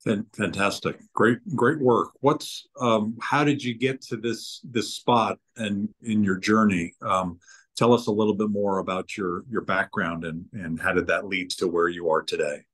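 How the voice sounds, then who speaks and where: A man hosting an online networking meeting, introducing members in a friendly, halting way over a video call. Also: on the low side, fairly even intonation, a bit bright, husky, low-quality recording.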